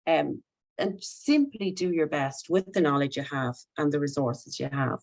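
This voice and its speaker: A woman's voice: low voice, measured pace, low-quality recording. Hesitant Irish woman on a video call. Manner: gentle, hesitant, many ums and self-corrections. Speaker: psychologist giving a talk. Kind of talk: reflective online talk.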